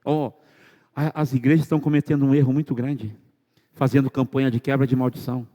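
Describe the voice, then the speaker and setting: A man's voice: mid-range voice, level tone, brisk, dark tone. Preaching man with hall reverb. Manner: rhetorical questions to the congregation. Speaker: pastor. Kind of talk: sermon. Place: church. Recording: church sermon with long hall reverb.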